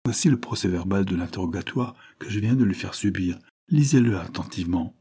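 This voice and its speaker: Un homme lisant un magistrat posé dans un roman lu à voix haute, avec une voix basse et feutrée. Les questions tombent avec mesure, sans éclat. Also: male voice, brisk, mellow, breathy edge. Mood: measured. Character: composed male examining magistrate. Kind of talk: audiobook character reading.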